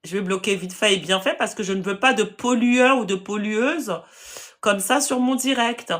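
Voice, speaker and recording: A woman's voice: mid-range voice, moderate pace, fairly bright tone. A woman with a Parisian French accent, hosting a live stream to sell land and answering viewer comments in a direct, firm way. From France.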